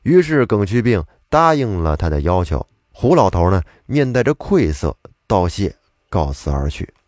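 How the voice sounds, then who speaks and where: A man's voice: deep voice, big pitch swings, moderate pace, darkish tone, no echo, studio quality. A man telling an old tale of spirits in a chatty, colloquial way, with asides to the listener. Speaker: storyteller. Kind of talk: casual storytelling of old tales.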